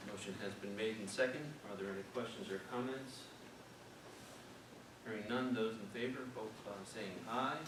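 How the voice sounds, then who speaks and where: Speaking at an ordinary pace in a steady tone, a man with a rather low voice chairs a board meeting through formal, formulaic procedural language. The sound comes from a distant mic in a noisy, echoey meeting room.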